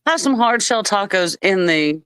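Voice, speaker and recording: A woman telling family stories in a casual live chat, animated and laughing often. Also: mid-range voice, moderate pace, clean tone, dry recording. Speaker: live stream co-host.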